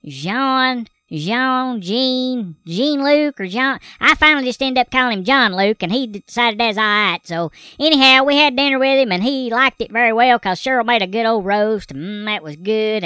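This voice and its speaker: Folksy old southern redneck, rambly country drawl, bright high voice. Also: male voice, brisk, smooth, no room sound. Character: folksy old Southern hillbilly man, friendly gossip. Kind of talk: comedy character bit.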